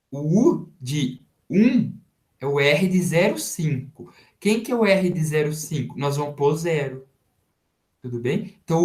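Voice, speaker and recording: Slow Brazilian professor in an echoey room. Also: male voice, on the high side, a little mellow. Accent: Brazilian Portuguese. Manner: slow step-by-step explaining with rhetorical questions to students. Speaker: university professor. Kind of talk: recorded math lecture. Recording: roomy echoey sound.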